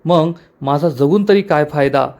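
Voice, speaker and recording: A man's voice: a little high, measured pace, darkish tone. A man voicing a scheming, quarrelsome and proud village mother who scolds and pleads theatrically. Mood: pleading.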